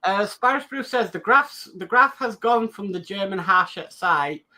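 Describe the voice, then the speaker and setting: A man co-hosting a live stream reads viewer comments aloud, then chats loosely about them. His high voice has lively intonation and a pushed, bright quality, and he talks a little slowly.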